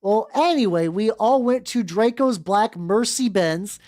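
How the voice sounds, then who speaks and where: This livestream host, a VTuber, has a medium-pitched, mellow voice that sounds animated yet keeps a measured pace. She reads fanfiction to her audience with music behind her, drifting into rambling tangents full of swearing.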